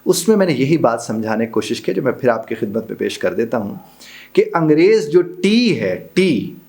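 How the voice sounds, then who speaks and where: A middle-aged man with a Pakistani Urdu accent, teaching a pronunciation lesson, spelling out and repeating example words slowly. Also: medium pitch, creaky, a little mellow. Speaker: pronunciation trainer. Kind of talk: spoken lesson.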